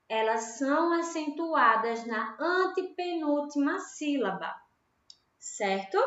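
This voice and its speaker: A Brazilian woman teaching young pupils a grammar lesson, slow and patient, asking questions and answering them herself. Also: sits high, a bit bright. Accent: Brazilian Portuguese. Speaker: primary school teacher. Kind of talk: recorded online grammar lesson. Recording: echoey room, dull lo-fi home recording.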